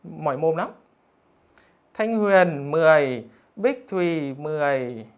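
A man's voice: fairly high pitch, animated, slow. A male math teacher, reading out students' scores in a live online lesson in a teasing, jokey way. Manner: teasing, jokey, keeps asking "được chưa?".

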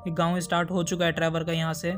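A man with a high voice rattles through gameplay commentary at a quick clip, his pitch staying fairly level. He talks straight to his viewers in a chatty way and spooks easily. Faint music plays behind him. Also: completely flat delivery. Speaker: gaming YouTuber.

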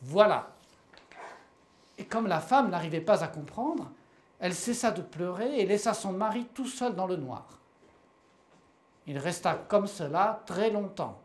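A woman reads a short story aloud in a measured storytelling voice. She lingers on the repeated phrases and lets each sentence land plainly. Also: mid-range voice, expressive. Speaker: reader.

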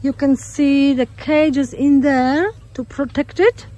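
An Australian homesteader, voice high-pitched and mellow, narrates at a slow pace as she walks her rural garden among the poultry, filming on her phone. It's casual talk, with fillers and a turn of phrase.

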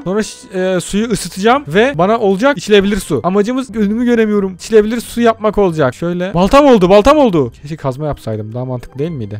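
A man with a high, rapid voice gives casual gameplay commentary for his video audience. He is excitable and talks straight to the viewers, breaking into sudden yelps of surprise. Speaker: gaming video host.

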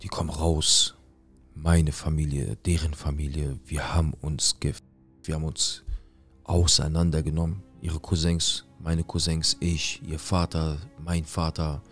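A man's voice: a bass voice, little pitch movement, unhurried, husky, faint music behind. A young man telling a personal story in casual street slang, acting out quoted dialogue. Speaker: guest telling his life story.

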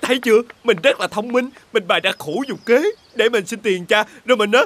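A man's voice: high voice, background noise, close to an everyday voice. A man playing a sly youngest brother. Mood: scheming. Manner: quick, wheedling, theatrical. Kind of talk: TV folk-tale drama. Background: music.

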